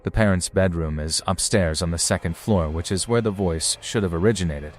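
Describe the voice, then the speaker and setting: A man with a deep-set voice narrates a paranormal footage compilation, delivering scripted suspense. His storytelling is deliberate and ominous as he lays out mysterious incidents.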